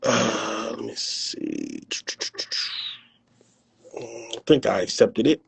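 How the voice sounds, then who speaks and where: A man's voice: mid-range voice, huge pitch swings, drawn-out words, gravelly, husky. A man hosting an interview over a video call, casual and joking, full of fillers and repeated phrases. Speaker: host.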